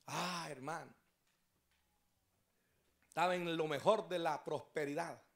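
A male pastor preaching an evangelistic sermon, telling stories and building up to shouted exhortations. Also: on the high side, takes it slowly, vocal fry. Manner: storytelling preacher who rises to shouted exhortation. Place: church service.

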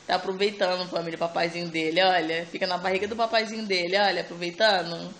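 Filming on her phone at home, a mother with a Brazilian Portuguese accent chats to her audience, repeatedly addressing them as "family," and coos to her baby in this casual vlog. Her voice sits on the low side, fairly bright and fast, with fairly even intonation and slight background noise.

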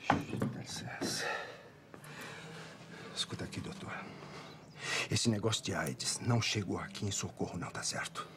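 A man's voice: low-pitched, a little slow, pauses often, very noisy. A man acting a scornful, self-righteous brothel owner in a film drama, talking with swagger and threat.

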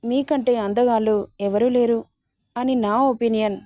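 A woman's voice: a little high, fairly even intonation, measured pace, dark tone, no room sound, clean studio sound, lightly acted. A woman voicing an affectionate young woman in a spoken romance story, in a coaxing, sweet manner.

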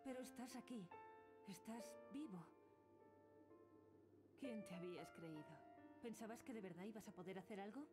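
A woman voicing a grieving young heroine in dubbed video game dialogue, with a soft, sorrowful delivery. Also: medium pitch, moderate pace, pauses often, lightly acted. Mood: despairing. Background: game music.

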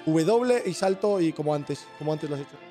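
A man's voice: fairly high pitch, expressive, a little fast, mellow, soft background music. Spanish man patiently coaching a teammate. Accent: Spain Spanish. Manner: patient, repetitive step-by-step directions. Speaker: gaming streamer guiding a teammate. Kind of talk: casual gameplay coaching.

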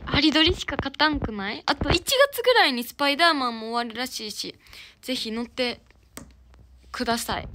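A young woman with a Kansai accent chatting casually on a livestream, cheerfully reading out and thanking viewers for their comments and gifts. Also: high-pitched. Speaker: idol livestreamer. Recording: noisy livestream audio.

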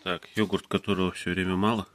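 Calm man narrating a casual food-tasting vlog. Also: sits low, fast talker. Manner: calm, terse, speaks in short clipped phrases. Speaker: vlogger tasting groceries. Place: indoors, in a room in a city. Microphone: phone camera held by the speaker, who stays off screen.

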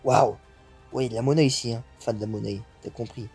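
Excitable young man narrating his gameplay. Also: mid-range voice, quick pace, creaky, husky, soft background music. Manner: excitable, swears often, mixes English exclamations into French. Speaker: gaming YouTuber. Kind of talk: live gameplay commentary.

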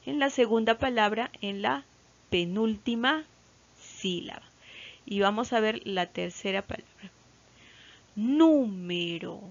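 A slow, patient woman teaching primary school speaks with a Peruvian Spanish accent in a gravelly, medium-pitched voice. During this recorded classroom lesson she repeats key words, stretches example words out loudly, and checks in with "¿ya?". The recording is lo-fi and slightly dull.

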